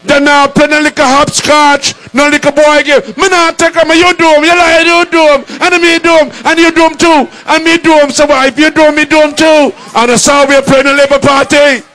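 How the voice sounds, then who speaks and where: High-voiced man rousing a rally. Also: level tone, brisk, hardly any pauses, low-quality recording. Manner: shouting, call-and-response with the crowd. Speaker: rally emcee. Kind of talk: rousing political rally speech.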